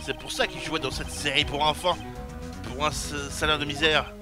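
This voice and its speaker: A man's voice: on the high side, steady tone, moderate pace, music in the background, natural voice. A man reading an earnest young lawyer. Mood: insistent. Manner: accusing, insistent.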